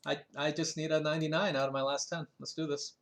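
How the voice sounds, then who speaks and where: A man playing a trivia video game, answering quickly and chatting excitedly to himself between questions. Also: fairly high pitch, crowd noise. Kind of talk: casual gaming commentary.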